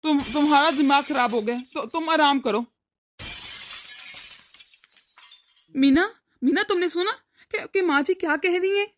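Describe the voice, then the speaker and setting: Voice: high voice, a little fast, a bit bright, no room sound. A voice actor playing a weary cartoon father-in-law. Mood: worried. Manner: pleading, soothing. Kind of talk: cartoon voice acting.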